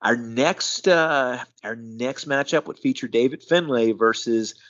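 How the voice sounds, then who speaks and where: A man co-hosting a casual show and giving a measured, analytical recap with frequent fillers. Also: mid-range voice, fairly bright tone, muffled recording. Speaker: co-host of a wrestling news show.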